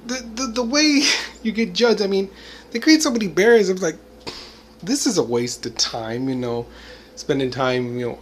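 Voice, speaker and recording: A vlogger in his forties speaks to the camera in a casual, rambling monologue, reflective and peppered with "you know," "I mean," and bits of laughter. His voice is high with a fairly bright tone, and there's slight background noise.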